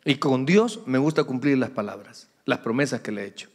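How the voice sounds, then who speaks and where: Middle-aged pastor preaching in a hall. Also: male voice, medium pitch, lively intonation, a little fast. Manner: conversational preaching with humorous asides to the congregation. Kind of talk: sermon. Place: church sanctuary.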